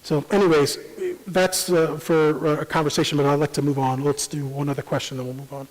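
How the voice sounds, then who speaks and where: A man leads a church parenting seminar, walking his listeners through ideas in a measured, explanatory way with frequent ums. His voice sits a little high for a man. The sound rings with the long reverb of a church hall. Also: flat delivery. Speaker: seminar presenter. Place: church sanctuary.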